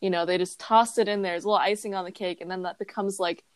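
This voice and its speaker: A woman's voice: mid-range voice, steady tone, fast, dry recording. Giggly gushing podcast woman, dry sound. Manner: giggly, gushing, lots of fillers. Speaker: podcast co-host. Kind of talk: casual chat.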